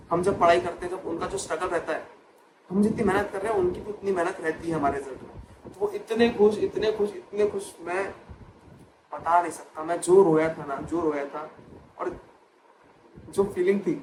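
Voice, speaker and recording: A young man, a chartered accountant and exam coach, tells a personal story in an emotional vlog. He repeats phrases for emphasis and mixes English words into his talk. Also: high-pitched. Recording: noisy background.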